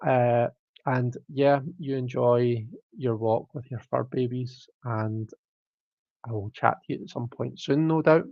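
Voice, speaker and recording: A man's voice: medium pitch, steady tone, unhurried, vocal fry, dry recording, dull audio. A man hosting a live tarot stream, chatting casually and self-mockingly with viewers. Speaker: tarot reader and livestream host.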